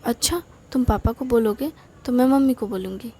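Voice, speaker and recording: A woman's voice: on the high side, moderate pace, dark tone, slight background noise, lightly acted. A woman playing a pouty little sister. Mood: complaining. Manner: pouty, complaining. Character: cheeky young girl, quarrelsome little sister.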